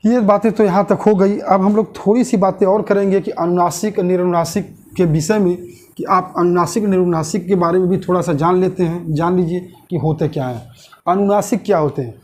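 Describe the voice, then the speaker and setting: A man teaching a grammar lesson online, posing questions to the class and answering them himself, repeating key terms slowly. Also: sits high, steady tone, darkish tone, slight background noise.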